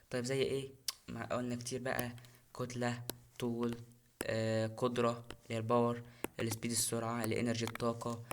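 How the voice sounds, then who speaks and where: A young man with an Egyptian Arabic accent, tutoring physics for an exam in a casual, chatty way and repeating key terms. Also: mid-range voice. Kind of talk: recorded exam-prep lesson.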